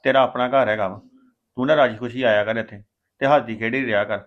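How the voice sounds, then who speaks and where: A man playing a gentle, consoling elder brother. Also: mid-range voice, fairly even intonation, quick pace, lightly acted. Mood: soothing. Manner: soothing and coaxing. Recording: slightly dull recording.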